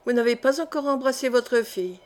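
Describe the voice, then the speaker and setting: A sorrowful young noblewoman speaks in a quiet, guarded way, as read by a woman narrator. The voice sits fairly high and is only lightly acted. It is an audiobook of a historical novel. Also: fairly quick, lightly acted. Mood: subdued. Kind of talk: audiobook character reading.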